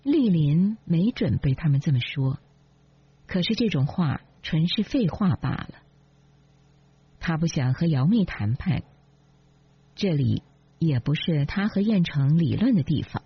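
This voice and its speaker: 一位女声小说朗读者，不紧不慢地讲述，声音微哑，录音干而发闷。. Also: female voice, low voice, big pitch swings, unhurried, pauses often, breathy edge, dry recording. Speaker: audiobook narrator. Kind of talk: scripted narration. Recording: dull lo-fi, dry.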